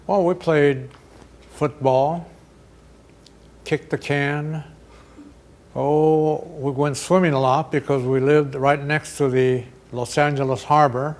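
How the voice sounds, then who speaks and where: A man's voice: on the high side, fairly even intonation, takes it slowly, pauses often, darkish tone. A man in his nineties from Monterey, fondly recalling his childhood. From Monterey, California, USA. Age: 90s. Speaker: interviewee.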